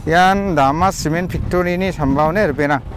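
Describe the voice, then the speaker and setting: Garo-accented man, a bit high-pitched, rambling casual vlog narration, outdoors on a phone, music bed. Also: moderate pace. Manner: rambling, repetitive, addresses viewers directly. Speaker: vlogger. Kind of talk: casual walking tour narration. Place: outdoors by a village pond.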